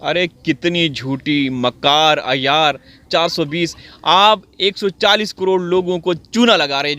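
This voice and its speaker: Man from Pakistan, high bright voice, sarcastic theatrical commentator talking straight to his viewers. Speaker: video commentator. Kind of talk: mocking commentary. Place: outdoors on wet farmland.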